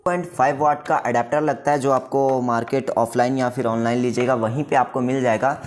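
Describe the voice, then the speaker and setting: A man's voice: medium pitch, fairly even intonation, brisk. A man giving a casual product demo, explaining each step and often checking in with the viewer. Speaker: music shop staff demonstrating a keyboard. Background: faint keyboard tones.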